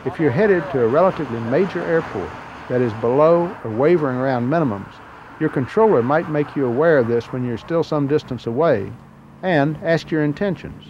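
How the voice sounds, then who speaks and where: A man reads scripted instructional narration for pilots, plain-spoken and explanatory, in a slightly high voice at a fairly quick pace. It comes from an old training tape that sounds muffled and noisy.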